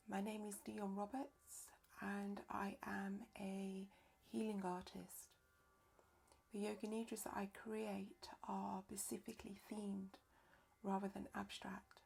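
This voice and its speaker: A woman leading a live-streamed yoga nidra session as teacher and therapist, speaking softly and slowly, often dropping into a whisper. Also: mid-range voice, gravelly, breathy edge. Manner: soft, slow, often whispered delivery. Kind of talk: live-streamed guided relaxation instruction.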